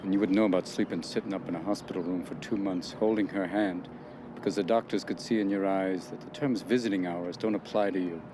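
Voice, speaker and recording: An actor playing a grieving middle-aged therapist. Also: male voice, deep voice, fairly even intonation, background noise, lightly acted. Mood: grave. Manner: quiet, intense, measured speech. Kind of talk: dramatic film monologue.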